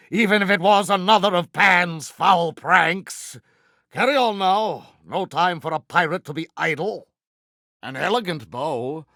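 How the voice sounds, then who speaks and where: A man's voice: fairly high pitch, pushed and bright, no room sound, studio quality. A man voicing a vain, pompous middle-aged pirate captain for a video game, with a British accent and grandiose, mannered speech. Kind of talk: theatrical video game character voice acting.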